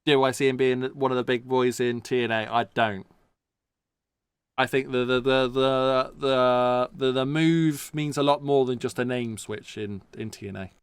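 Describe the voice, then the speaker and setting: A man hosting a casual wrestling podcast, opinionated and quick with banter, swearing freely. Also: mid-range voice, steady tone, clean tone, dry recording. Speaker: podcast host.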